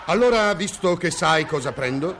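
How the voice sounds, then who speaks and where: Un attore che interpreta un maestro di scuola educato e un po' cerimonioso, in una commedia da film. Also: male voice, on the high side, animated, moderate pace, fairly bright tone, a little hiss or hum. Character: polite, formal male schoolteacher. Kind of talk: comic film acting.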